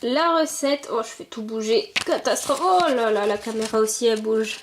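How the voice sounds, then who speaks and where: Opening collectible figurines and sniffing them, a young woman gives casual unboxing commentary, musing aloud with small exclamations. She speaks at a moderate pace in a slightly high voice, with background noise behind her.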